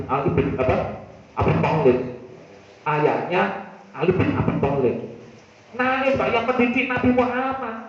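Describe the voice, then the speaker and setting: A man preaches in a fairly high voice, talking to his listeners and repeating his points for emphasis. The sound is dull and muffled and rings heavily around a large echoey hall. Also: slight background noise. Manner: addresses the listener as "Pak", repeats phrases for emphasis. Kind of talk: Islamic study sermon.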